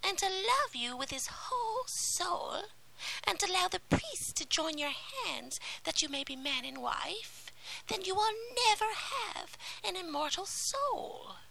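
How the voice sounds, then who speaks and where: A woman voicing a scheming old female sea witch in a whispered role-play fairy tale, shrill and drawn out. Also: very animated, takes it slowly, creaky, sharp tone, heavily acted, poor audio. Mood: demanding.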